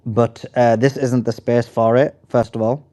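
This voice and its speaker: A man hosting an online audio debate in a mid-range voice. He speaks firmly and deliberately, calling on speakers and setting rules. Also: medium pitch, flat delivery, warm tone. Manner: firm, measured and reproving. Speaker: host.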